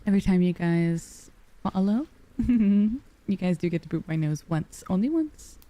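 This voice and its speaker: Woman, very mellow tone, slightly low pitch, soft cozy storybook voice, casual livestream chat, affectionate manner. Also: a little slow. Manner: affectionate, calls listeners pet names. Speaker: livestreamer, VTuber.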